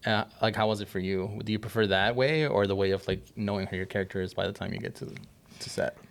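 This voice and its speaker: A man hosting a podcast, asking halting questions and laughing along. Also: lowish voice, steady tone, vocal fry. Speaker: podcast host. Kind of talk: casual podcast interview.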